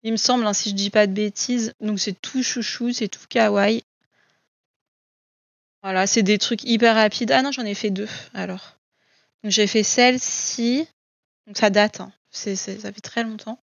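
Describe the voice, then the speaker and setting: A woman's voice: mid-range voice, steady tone, moderate pace, gravelly, no echo. Chatty gushing woman, dull dry sound. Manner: chatty and gushing, frequent "euh" and repeats. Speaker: coloring book vlogger. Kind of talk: casual chat showing books.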